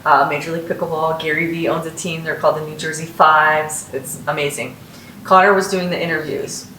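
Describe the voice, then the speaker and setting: In a low-pitched, steady, brisk and sharp-toned voice, a podcast host who founded a company gives students upbeat, encouraging advice in a casual format. She's in an echoey room of a house in North Las Vegas, and the distant mic captures roomy echo and faint hiss.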